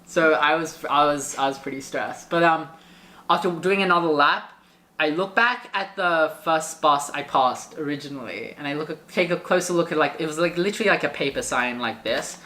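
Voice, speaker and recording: A man telling a travel story in casual chat, animated and full of filler words. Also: on the high side, moderate pace, roomy sound. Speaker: guest storyteller.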